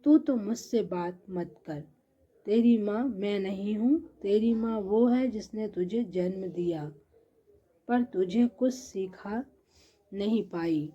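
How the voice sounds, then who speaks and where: A stubborn older mother-in-law from a storybook, scolding and insisting, as a woman narrator puts her on. Her voice is dark and husky, and she speaks slowly on a dull lo-fi recording. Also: mid-range voice. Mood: angry, stubborn.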